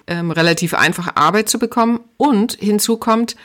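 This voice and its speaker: A middle-aged woman from Germany, telling her story as an interview guest in a calm, reflective way. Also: mid-range voice, moderate pace. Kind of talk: casual interview chat.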